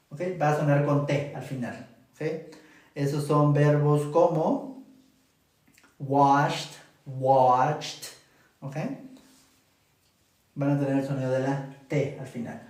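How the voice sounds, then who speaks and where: Man, slightly high voice, teaching pronunciation patiently; very echoey room, set back from the mic. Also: dark tone, far from the mic. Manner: patient, repeats "¿ok?" often, exaggerates sounds to demonstrate. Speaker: English teacher. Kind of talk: live-streamed English lesson.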